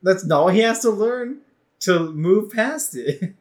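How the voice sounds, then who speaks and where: A man's voice: high-pitched, lively intonation, slow pace. A man co-hosting a casual podcast, laughing often and swearing freely as he talks. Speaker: podcast co-host. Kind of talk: casual chat.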